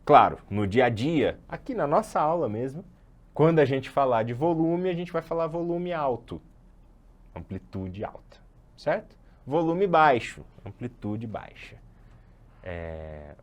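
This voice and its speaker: A man with a Brazilian Portuguese accent giving an online sound design lecture, chatty and explanatory, often correcting himself mid-sentence. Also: medium pitch.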